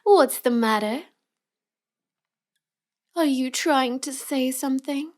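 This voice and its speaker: In an intimate roleplay audio, a woman plays a cute young villainess with mind-control powers, teasing and mocking the listener. Her high, slightly mellow voice moves slowly, stretching out words and breaking into giggles.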